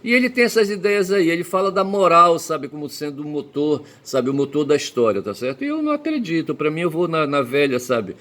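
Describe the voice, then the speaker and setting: A man's voice: on the high side, animated, fairly quick, hardly any pauses, fairly bright tone. Rambling, swearing man. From Belém, Pará, Brazil. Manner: peppers speech with tag questions; profane, emphatic outbursts. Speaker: commentator. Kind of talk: rambling personal monologue.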